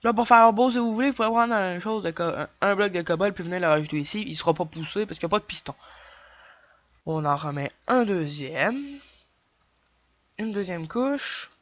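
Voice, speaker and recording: A man's voice: high voice, a bit bright. Québécois guy narrating a lo-fi game tutorial. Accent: Québécois French. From Quebec. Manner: chatty, counts clicks aloud, quick apologies. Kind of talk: casual screen-recorded game tutorial. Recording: dull lo-fi dry home mic.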